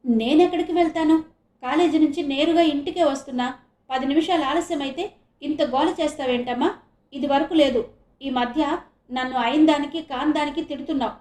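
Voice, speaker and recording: A woman's voice: a little fast, a little mellow, roomy sound, close to an everyday voice. A woman doing a hurt, pleading teenage daughter. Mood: tearful. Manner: high, tearful pleading.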